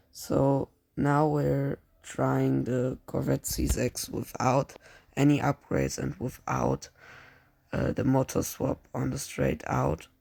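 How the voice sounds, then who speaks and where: Slow, gravelly man with a German accent. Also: medium pitch, dark tone. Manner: halting, frequent fillers and restarts. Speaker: gaming YouTuber. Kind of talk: casual game commentary.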